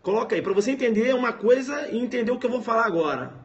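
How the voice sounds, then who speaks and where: A man with a Brazilian Portuguese accent teaching law in a live-streamed lecture, animated and keeps checking that listeners follow. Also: extremely high pitch, fast, muffled recording. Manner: animated, keeps checking understanding, acts out scenes.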